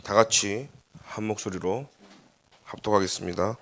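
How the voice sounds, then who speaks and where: Male pastor, lowish voice, lively sermon delivery with rhetorical questions. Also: gravelly. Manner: leads congregation in unison scripture reading, slowed.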